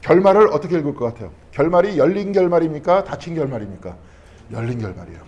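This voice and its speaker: A male pastor leads a Bible study at a brisk clip, his voice rising and falling a great deal and sitting a little high for a man. He keeps firing questions at the class and answering them himself, with a chatty "right?" tucked in here and there. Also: sing-song, darkish tone, lo-fi sound. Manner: conversational, checking in with frequent tag questions.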